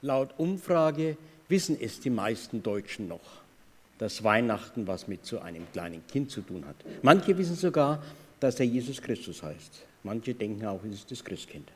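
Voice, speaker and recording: Calm man preaching in an echoey hall. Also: medium pitch, normal speed, breathy edge. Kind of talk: sermon with story reading.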